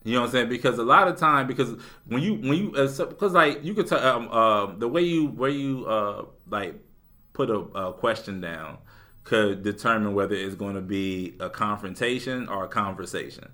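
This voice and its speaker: A man's voice: fairly low pitch, normal speed, pushed and bright. A young man co-hosting a podcast in casual chat, rambling with restarts and laughing often. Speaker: podcast co-host.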